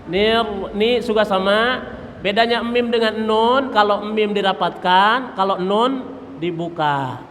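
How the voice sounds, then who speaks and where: Guy teaching quran recitation in a mosque, slow and patient, chants the verses, long echo and faint hiss. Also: sits high, a bit bright. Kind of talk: tajwid lesson with chanted examples. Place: mosque hall. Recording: reverberant mosque hall, faint noise.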